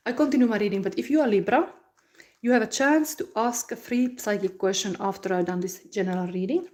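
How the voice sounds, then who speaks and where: A woman from Finland, giving a live tarot reading in a soft, musing way with frequent hums and restarts. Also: medium pitch, brisk. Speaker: tarot reader.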